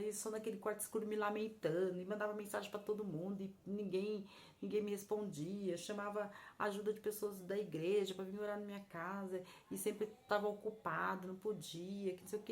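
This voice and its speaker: A woman gives an earnest, emotional personal testimony, repeating herself and speaking straight to her viewers. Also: medium pitch. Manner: earnest, repetitive, addresses viewers as "gente". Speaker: vlogger sharing personal testimony.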